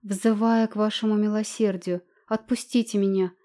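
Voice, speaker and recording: A woman's voice: mid-range voice, flat delivery, normal speed, dark tone, close to an everyday voice. A woman narrator voicing a young runaway princess, pleading and frightened, in an audiobook. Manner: pleading, breathless.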